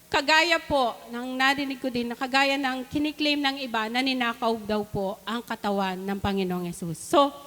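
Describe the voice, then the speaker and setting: Filipino lady preacher, high voice, asks the congregation stuff, long echo from the hall. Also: fairly bright tone. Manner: mixes Tagalog and English, reads scripture aloud, asks the congregation questions. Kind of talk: sermon.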